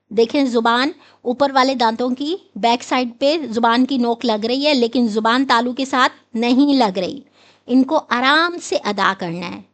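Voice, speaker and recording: A woman with a fairly high voice teaches recitation in a steady, patient way. She stretches out each demonstrated sound slowly so learners can follow. She sounds middle-aged and calm in her instruction. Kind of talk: instructional lesson.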